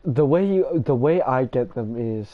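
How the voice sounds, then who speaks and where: A man's voice: medium pitch, lively intonation, measured pace, no room sound, narrow, tinny audio. A man casually commenting over a video game, rambling and self-deprecating as he talks to viewers. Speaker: gamer showing his builds.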